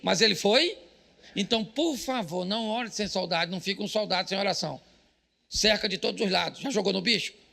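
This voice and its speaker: Bright, gravelly-voiced joking preacher man. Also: sits high, a little hiss or hum. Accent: Brazilian Portuguese. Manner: jokey, rapid-fire preaching with shouted punchlines and audience call-outs. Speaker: pastor. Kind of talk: live church sermon.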